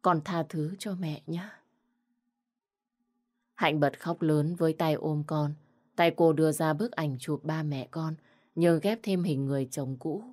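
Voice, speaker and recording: A woman voicing a gentle, sorrowful young mother in a spoken story, talking softly and tearfully. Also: deep voice, measured pace, long pauses.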